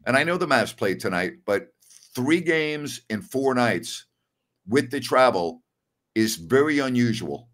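A man's voice: medium pitch, expressive, a little slow, a bit bright. An older man hosting a postgame basketball talk show over a video call, emphatic and opinionated, repeating his key words. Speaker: sports talk host.

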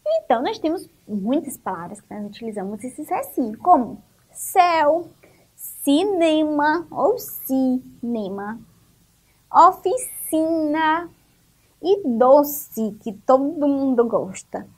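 Slow, lively-voiced Brazilian teacher woman. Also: high voice, breathy edge. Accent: Brazilian Portuguese. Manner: slow, drawn-out, encouraging, asks questions and answers them. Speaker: primary school teacher. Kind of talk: online lesson for young children.

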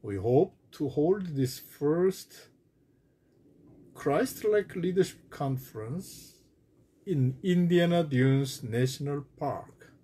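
Male pastor preaching real slow, husky, voice swings up and down a lot. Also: lively intonation, warm tone. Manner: slow, emphatic preaching with wide pitch swings. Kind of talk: sermon.

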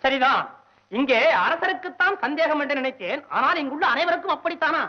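A whiny, fretful poor poet. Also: male voice. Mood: bickering. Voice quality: whiny, high and quick-tempered. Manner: complaining, sarcastic, talks to himself. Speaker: comic lead in a devotional film. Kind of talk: 1960s Tamil film acting. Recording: dull old film soundtrack.

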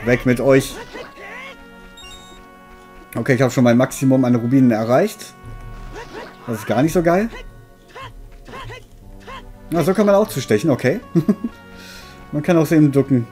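A man gives casual game commentary in a mellow, relaxed voice. His manner is dry and mildly grumbling. Game music plays behind him. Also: mid-range voice, a little slow, pauses often. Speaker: let's player.

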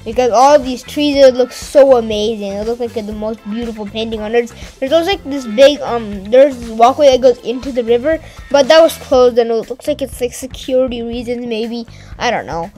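A woman's voice: fairly high pitch, normal speed, dark tone, soft background music, rough recording. A woman narrating a travel vlog in a casual voice-over, chatty, with frequent fillers and restarts. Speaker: travel vlogger.

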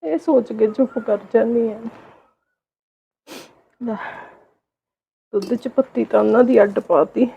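A woman acting as a meek elderly village mother in a homemade family drama, speaking softly in a pleading, resigned way. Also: fairly high pitch, vocal fry, muffled recording, a little hiss or hum. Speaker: neglected old mother in a family skit.

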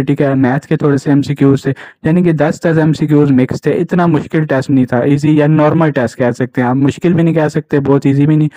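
On a dull, dry lo-fi recording, a young Pakistani man casually and indignantly describes hosting a jobs channel, often seeking agreement with "right?". His voice runs on the high side and sounds mellow.

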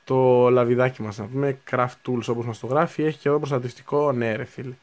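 A man's voice: medium pitch, steady tone, a little mellow. A man in his twenties chatting casually as he unboxes new hobby supplies, thinking aloud and correcting himself as he goes. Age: 20s. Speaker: unboxing video host.

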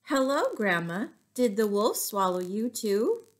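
A woman's voice: medium pitch, very animated, measured pace. A woman voicing an innocent, polite little fairy-tale girl who exclaims in wonder. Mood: urgent.

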